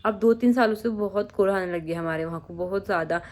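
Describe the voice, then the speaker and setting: A woman's voice: medium pitch, fast talker. Chatty young woman vlogging at home. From Uttarakhand, India. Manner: chatty, rambling, coos to her baby. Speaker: vlogger, new mother. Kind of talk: casual home vlog chat. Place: family home indoors.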